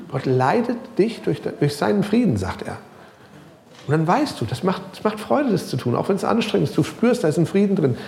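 A middle-aged pastor with a creaky voice preaches lively, his pitch climbing and dropping, with some quiet passages. He addresses listeners casually and directly, dropping in English loanwords, over slight background noise.

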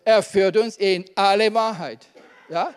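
Male preacher, high voice, fervent sermon delivery with Amens, big reverberant church hall. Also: measured pace, clean tone. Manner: emphatic preaching with Amens and questions to the congregation.

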